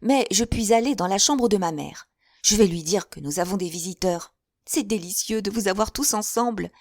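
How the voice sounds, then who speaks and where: A woman's voice: mid-range voice, moderate pace, darkish tone, no room sound, clean studio sound, close to an everyday voice. A woman voicing a chattering, effusive older spinster who gushes in breathless run-on talk. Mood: gushing.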